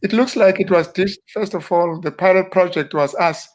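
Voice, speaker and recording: South African man reminiscing, fairly high voice. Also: normal speed. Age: 50s. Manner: relaxed storytelling with self-deprecating humor. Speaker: guest minister. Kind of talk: casual interview reminiscing.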